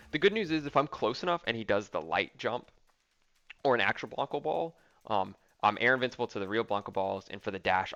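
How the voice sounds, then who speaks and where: This young man casually comments on replays of his own fighting game match, thinking out loud with plenty of ums and likes. His voice is fairly low in pitch and a bit bright.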